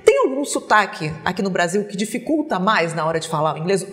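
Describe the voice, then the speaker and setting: A woman's voice: on the low side, big pitch swings, fast talker, a bit bright. Brazilian woman from Paraná hosting an interview. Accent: Paraná Brazilian Portuguese. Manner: conversational, asks questions. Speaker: talk show host.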